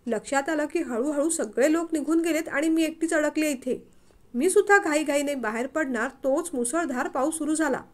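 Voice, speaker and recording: A woman acting a gentle young woman shaken by fright, her words rushed and pleading. The voice sits high and soft, as in a storybook reading. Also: close to an everyday voice.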